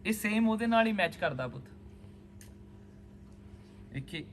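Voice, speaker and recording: High-voiced man teaching a scripture class. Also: fairly bright tone, a little hiss or hum. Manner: patient, calls students by name, asks questions. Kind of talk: class lesson mixing Punjabi and English.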